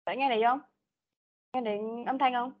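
A woman's voice: high voice, fairly even intonation, fairly quick. A woman teaching an online English class, patiently repeating prompts and correcting pronunciation. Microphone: video call. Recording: dull lo-fi call audio.

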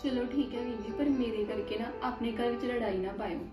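A woman playing a meek young woman taken in by a family, speaking in a soft, humble, self-effacing way. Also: fairly high pitch, brisk, lightly acted. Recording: echoey, slightly dull, faint music.

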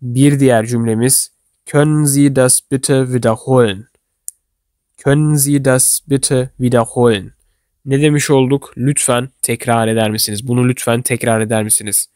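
A man walks learners through everyday German phrases. His voice sits at an ordinary middle pitch. The recording is dry and close, with no room echo, and he says each model phrase slowly and carefully. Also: a little mellow. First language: Turkish. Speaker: German language teacher. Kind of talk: instructional explanation for learners.

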